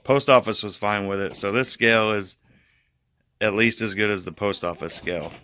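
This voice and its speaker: A man's voice: on the low side, normal speed, slight background noise. A man hosting his fishing channel, talking casually through a how-to with fillers and restarts, from a carpeted room indoors. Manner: relaxed, rambling, with fillers and restarts.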